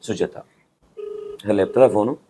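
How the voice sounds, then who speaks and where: A man's voice: fairly low pitch, normal speed, warm tone, a little hiss or hum. A man, bluntly pressing and scolding his interview guest with pointed questions. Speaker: interview anchor.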